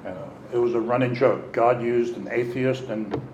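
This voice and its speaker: A middle-aged man telling his recovery story at a meeting, candid and animated, acting out what others said. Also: medium pitch, moderate pace, echoey room, highs cut off, noisy background. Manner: candid, animated, acts out quotes. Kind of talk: personal storytelling.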